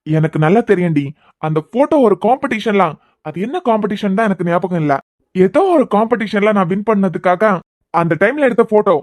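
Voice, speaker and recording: A man's voice: high voice, expressive, fairly quick, no room sound, studio quality. A man voicing a teasing, persistent young man in a Tamil cartoon series with a Kanyakumari accent. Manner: teasing, pressing questions. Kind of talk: cartoon web series voice acting.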